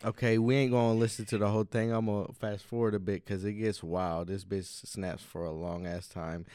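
A man's voice: lowish voice, little pitch movement, fairly quick, mellow, no echo, clean studio sound. A man co-hosting a casual podcast, laid-back and slangy, laughing often. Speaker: podcast co-host. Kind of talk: casual stoner chat.

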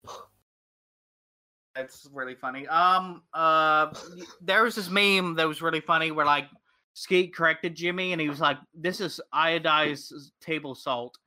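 A young man in casual podcast chat about memes, rambling and swearing freely between quick jokes. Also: fairly high pitch, sharp tone.

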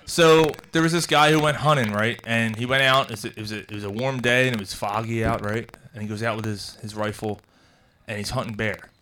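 A man's voice: mid-range voice, steady tone, brisk, pushed and bright, a little hiss or hum, rough recording. A man hosting a casual podcast from a brewery bar, telling crude jokes with loose storyteller banter. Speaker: podcast host.

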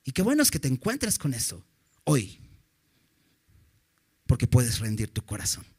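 A man's voice: mid-range voice, wildly swooping pitch, a little slow, a little mellow, slightly rough. A man preaching a sermon in an earnest, direct way, often putting questions to his listeners.

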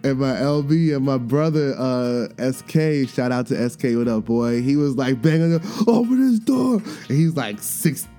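A man's voice: medium pitch, normal speed, hardly any pauses, soft background music. A man in his thirties hosting a podcast, talking candidly in a casual monologue, telling stories animatedly and laughing at himself. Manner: animated storytelling, acts out voices, laughs at himself. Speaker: podcast host.

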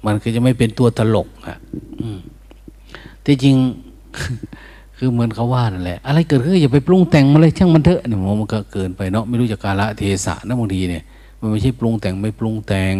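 A man's voice: fairly low pitch, mellow. An older man, a Buddhist monk, giving an informal dharma talk in an easygoing, chuckling way, now and then breaking into chant to show how it should sound.

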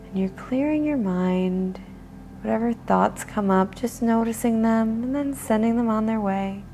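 A woman leading a guided meditation in a soft, soothing way, with breathy pauses. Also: fairly high pitch, soft background music.

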